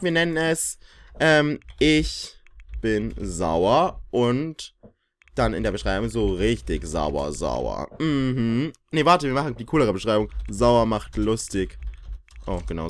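A man giving joking, excitable gameplay commentary as a let's play YouTuber, talking straight to his viewers. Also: medium pitch, unhurried.

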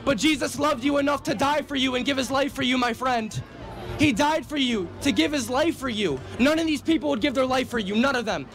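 A man's voice: extremely high pitch, fairly quick, fairly bright tone. A man preaching on a city street outdoors, insistently quoting scripture and cutting in with questions.

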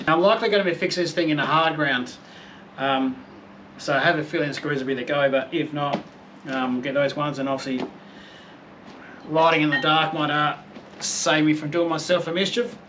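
Brisk but pausing often, he speaks in a steady, fairly bright voice on the high side, captured on a low-quality recording with slight hiss or hum. He's an Australian man in his thirties vlogging about camping gear, unboxing and reviewing it casually with mild swearing and self-deprecating humor, moving from an outdoor patio to a garage.

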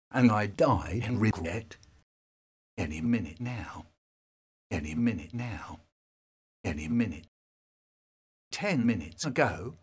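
A man's voice: mid-range voice, a bit bright, husky, heavily acted. A man voicing a brooding man reborn as a godlike cosmic being, his lines spliced together word by word from clips, so the delivery jumps unevenly. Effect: spliced together words from clips. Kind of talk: sentence-mixed monologue.

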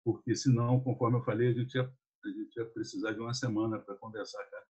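A man's voice: fairly low pitch, level tone, brisk, darkish tone, slightly rough, highs cut off. A man giving informal, reflective closing remarks as a webinar speaker on a video call.

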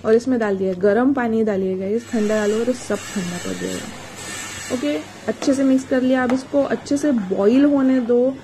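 A woman's voice: a little high, moderate pace. A woman, hosting a casual cooking tutorial and explaining each step as she cooks. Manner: chatty, explains each step while stirring. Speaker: cooking channel host. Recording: noisy kitchen with frying sizzle.

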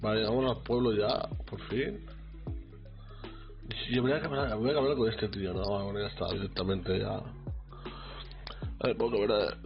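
A man with a Spain Spanish accent giving excitable live commentary on his gameplay, talking to his chat. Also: fairly low pitch, normal speed, long pauses, highs cut off, over music. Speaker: streamer.

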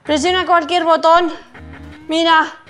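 A woman with a Spain Spanish accent giving excited, exclamatory commentary as she plays a video game. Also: extremely high pitch, takes it slowly, faint music behind. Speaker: gaming streamer.

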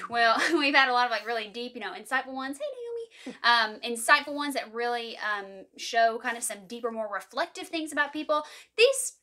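A woman's voice: high-pitched, bright, forceful tone. A woman hosting a casual couple's question video at home, laughing often as she reads questions. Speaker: channel host.

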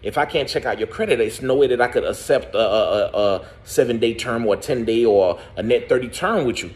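A man's voice: medium pitch, brisk, darkish tone. A man in his thirties with an American accent, an owner-operator truck driver talking casually and emphatically into his phone at home, repeating "driver" as a refrain. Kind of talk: casual selfie video rant. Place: living room at home. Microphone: phone camera at arm's length.

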